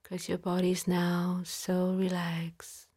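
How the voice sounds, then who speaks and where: Female meditation guide: soft, calm, slightly low and very even, unhurried, partly whispered. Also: breathy edge. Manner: slow, soft, calm with long pauses. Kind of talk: guided body-scan relaxation.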